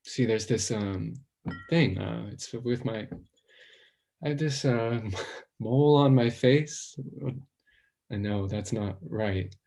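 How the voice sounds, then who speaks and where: A man playing a halting, ashamed young man. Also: lowish voice, vocal fry. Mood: rambling, ashamed. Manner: halting, rambling, trails off into quiet self-doubt. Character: anxious, self-conscious young man, recently fired. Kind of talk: stage play acting.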